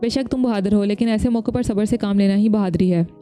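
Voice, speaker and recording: A woman reading the part of a gentle elder-sister figure, calm and reassuring. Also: mid-range voice, fast talker, soft background music, close to an everyday voice.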